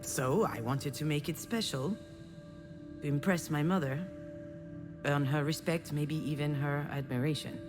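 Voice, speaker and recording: In a low-pitched voice and at a measured pace over music, an actress delivers dramatic first-person narration as a visual novel protagonist. Her character, frustrated and self-deprecating, confides her family wounds in a bitter, regretful tone.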